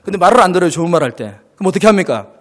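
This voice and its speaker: A pastor with a high, expressive, slightly bright voice preaches rapid-fire in a church sanctuary. He acts out little dialogues and laughs along with the congregation, and the recording carries a long church reverb.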